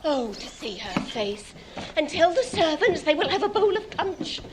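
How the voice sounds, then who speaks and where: A woman's voice: high-pitched, big pitch swings, unhurried, noisy background. Hysterical fussing mother. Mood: overjoyed. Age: middle-aged. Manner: fussy and hysterical, near tears. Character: fretful middle-aged mother of five daughters. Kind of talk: period film drama.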